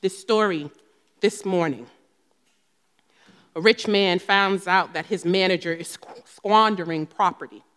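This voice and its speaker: A woman with a New Jersey accent delivers a sermon at an unhurried, deliberate pace. Her storytelling swells into emphatic bursts on scripture, and her voice carries a long reverb, as in a large church hall. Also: fairly low pitch, fairly bright tone, clean tone. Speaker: preacher.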